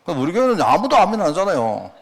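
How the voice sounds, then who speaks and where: A man's voice: high voice, sing-song, very fast. A middle-aged man, preaching a conversational sermon as a pastor, telling folksy stories with self-mocking humor and asking the congregation rhetorical questions. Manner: frequent rhetorical asides to the congregation.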